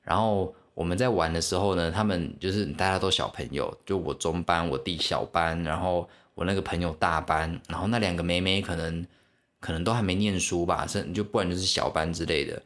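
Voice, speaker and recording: Deep-voiced man rambling in Taiwanese Mandarin. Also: a little fast, a bit bright. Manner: rambling, with many restarts and asides to the listener. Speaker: podcast host. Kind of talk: casual solo storytelling.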